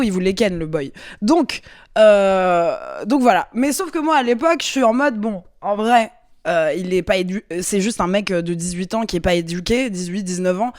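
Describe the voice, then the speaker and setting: A woman's voice: mid-range voice, darkish tone, no echo, clean studio sound. A young woman hosting a podcast, telling a story in a casual, slangy way with lots of fillers and restarts. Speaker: podcast host.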